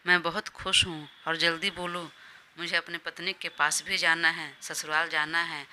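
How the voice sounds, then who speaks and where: Woman reading young male boss, obliging, indulgent, low even voice, audio story. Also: moderate pace, slight background noise. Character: young man, a caring, easygoing boss.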